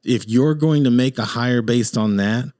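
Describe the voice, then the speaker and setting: Male podcast host, mid pitch, dry close mic, opinionated and rambling. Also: a little slow, a little mellow, dry recording. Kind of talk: casual sports chat.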